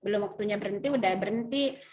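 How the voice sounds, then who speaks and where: A woman's voice: medium pitch, fast, darkish tone. A woman English teacher patiently explaining an assignment and its grading step by step, with many fillers and self-corrections. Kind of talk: recorded online class explanation.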